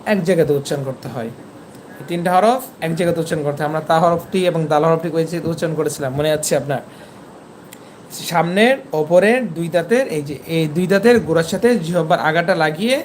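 A medium-pitched Quran teacher works through an online lesson by video call, patiently showing where each letter is articulated. The sounds are repeated slowly, and there is a little background noise.

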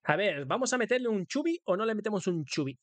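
A man's voice: high-pitched, sing-song, fast, no room sound. A man with a Spain Spanish accent giving playful, singsong, crude live commentary as a streamer while he plays a game.

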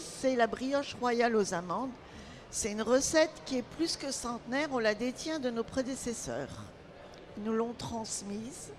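An older woman from Lorraine speaks into a handheld mic about her bakery's recipes, with a slightly high voice and evident pride. She tells her stories warmly and in detail. A faint hum of the fair hangs behind her. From Lorraine, France. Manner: proud, storytelling about family recipes. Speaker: baker and caterer, retired owner. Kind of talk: casual interview at a trade fair. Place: trade fair stage, indoors.

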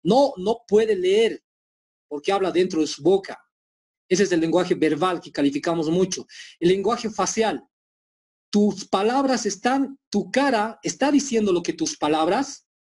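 Husky Bolivian man lecturing firmly. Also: high-pitched, animated, a little mellow. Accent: Bolivian Spanish. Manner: firm, lecturing, acts out quick dialogues. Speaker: teacher. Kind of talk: online class lecture. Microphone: video call.

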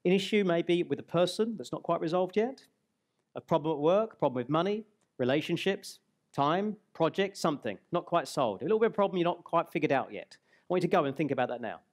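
A man in his forties giving a live seminar on a hall stage into a headset mic, guiding the audience through an exercise and slowing on key words. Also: a little high, lively intonation. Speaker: speaker and trainer.

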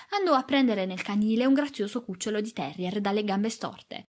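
A woman narrating a novel in the first person as an audiobook, measured and expressive. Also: mid-range voice.

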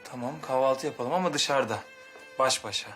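An actor playing an earnest, caring young husband and father who speaks gently and attentively in a TV drama. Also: medium pitch, fairly quick, faint music behind, lightly acted. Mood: tender. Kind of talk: TV drama acting.

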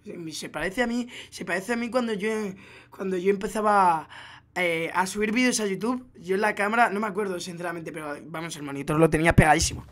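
A young man from Spain commenting on gameplay clips casually, joking, laughing and breaking into loud excited outbursts. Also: sits high, brisk. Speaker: gaming video host.

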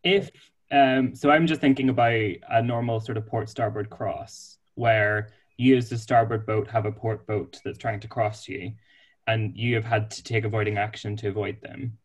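Low, husky male presenter; patient, methodical rule explainer. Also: fairly even intonation, moderate pace. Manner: explains rules clearly and patiently. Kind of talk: online panel discussion. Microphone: video call.

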